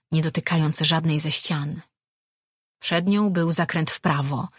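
A man reading a fantasy audiobook as narrator, in slow, measured scripted narration. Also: a little high, husky, dry recording, studio quality.

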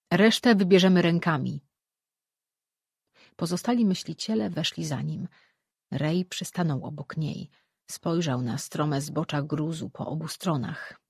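An audiobook narrator giving a steady, measured reading of a fantasy novel. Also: medium pitch, breathy edge, dry recording, studio quality.

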